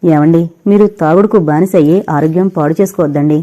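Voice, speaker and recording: A grieving young married woman pleads through tears with the man she still loves. A woman reads her aloud in an audio novel. Her voice is warm and mellow. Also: sits low, fast talker, highs cut off, lightly acted. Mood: tearful pleading. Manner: tearful, imploring.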